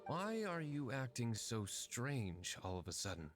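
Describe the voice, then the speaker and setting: A man's voice: mid-range voice, big pitch swings, unhurried, over loud music. A man voicing a cold, menacing young nobleman vigilante in a video game, speaking formally and with control. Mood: cool, formal.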